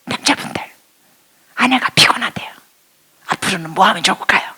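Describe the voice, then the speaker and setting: A woman's voice: medium pitch, lively intonation, fairly quick, bright, forceful tone, slightly rough. A woman missionary preaching a sermon in church, quizzing the congregation and dropping to a whisper for emphasis. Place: church service before a congregation.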